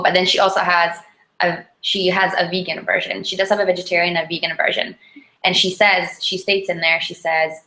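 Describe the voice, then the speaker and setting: A woman with a Polish accent chatting casually and informally, in an animated, rambling way, as an interview guest. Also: lowish voice. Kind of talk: casual chat about diet. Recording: echoey, roomy sound.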